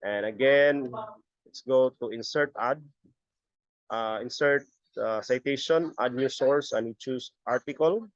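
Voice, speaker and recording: A middle-aged man giving a step-by-step software tutorial as an instructor, halting and often repeating his words. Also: mid-range voice, no room sound. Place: busy area, on a video call or webcam setup. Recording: dull lo-fi audio.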